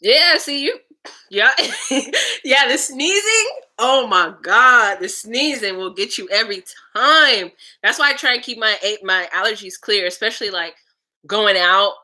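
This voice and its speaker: A woman's voice: fairly high pitch, expressive, measured pace, sharp tone. A young woman telling casual stories in a vlog, chatty and frank, swearing and laughing often. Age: young adult. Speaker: vlogger.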